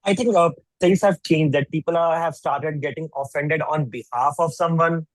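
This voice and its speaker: A woman interviewer with a notably low voice offers a short, thoughtful comment to her guest. The recording is dry and close, with no room echo. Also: normal speed. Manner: brief listening responses and reflective remarks.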